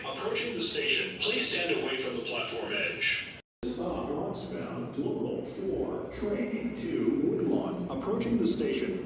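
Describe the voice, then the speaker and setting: A man making train station announcements over a loudspeaker, in measured, evenly spaced phrasing. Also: high-pitched. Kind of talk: recorded transit announcements. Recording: echoey distant platform loudspeaker, loud ambient noise.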